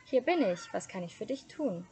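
A woman's voice: mid-range voice, lively intonation, moderate pace, dark tone, lightly acted. A woman voicing a magic talking fish in a fairy tale, speaking in a kindly, lifted storybook tone.

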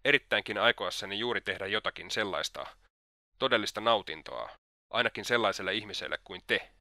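A man's voice: fairly low pitch, lively intonation, sharp tone, no echo, clean studio sound, heavily acted. A man voicing Raskolnikov, a scornful, agitated young man. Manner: scornful, indignant.

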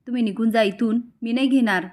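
A woman voicing a frightened young pregnant woman who keeps shouting refusals in a serial recap. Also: a little high, quick pace, close to an everyday voice. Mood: panicked.

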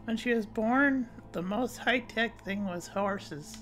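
A woman's voice: on the high side, slow pace, soft background music. A woman hosting a let's play, chatting casually and reading dialogue aloud with frequent giggles. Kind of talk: casual gameplay commentary.

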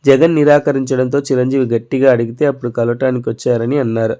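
A man hosts a news channel and reads the stories in a brisk, steady news-reader style. His pitch sits in the middle range for a man. Now and then he slips into loose, offhand asides between the items. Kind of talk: news narration.

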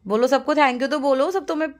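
A woman's voice: high-pitched, a little fast. Woman, home vlogger, chatty and playful, from Uttarakhand, talks to camera indoors. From Almora, Uttarakhand, India. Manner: chatty and playful, coos in baby talk to her pet. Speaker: vlogger and housewife. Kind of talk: casual home vlog chat.

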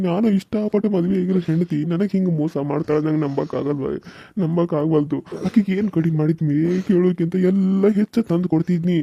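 A man's voice: a little high, dry recording, highs cut off. A man voicing a heartbroken young village husband in a cartoon serial, speaking North Karnataka Kannada in an anguished, emotional way. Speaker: voice actor.

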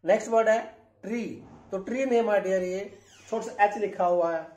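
A man's voice: high voice, a little mellow, roomy sound. A man with an Indian accent teaching English pronunciation, asking questions and repeating each word several times for drill. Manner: repeats words slowly for drill, asks questions. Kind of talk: classroom-style lesson.

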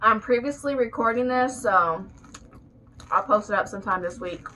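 A woman hosting a casual eating vlog from her bedroom, chatting freely between bites. Her voice is bright and forceful, and she keeps talking while she chews. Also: on the high side, normal speed, a little hiss or hum, poor audio. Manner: chatty, talks while chewing. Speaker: vlogger.

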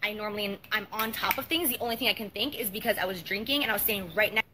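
A woman's voice: medium pitch, fast, background noise. A young woman giving a rambling, emotional apology in a self-recorded vlog outdoors, repeating herself often. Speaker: beauty vlogger. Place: outdoors at night with mosquitoes.

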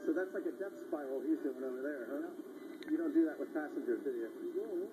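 A man reporting on location outdoors, chatty and excitable. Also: on the high side, quick pace, music in the background, low-quality recording. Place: outdoors in the Alps.

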